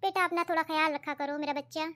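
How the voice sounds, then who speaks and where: A woman voicing a gentle, anxious young mother in a cartoon story. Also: high-pitched, steady tone, fast. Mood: soothing. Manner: soothing, affectionate. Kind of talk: cartoon voice acting.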